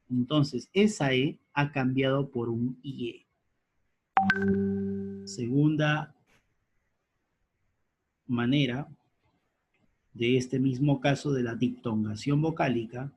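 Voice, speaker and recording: Slow, husky male grammar teacher. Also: mid-range voice, darkish tone. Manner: slow, repeats key words for emphasis; spells out letters and examples deliberately. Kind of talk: grammar lesson at a board.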